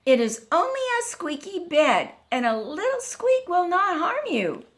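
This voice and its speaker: A woman voicing a gentle, soothing mother in a children's story, calm and reassuring. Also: very high-pitched, measured pace, voice pushed up, exaggerated voice.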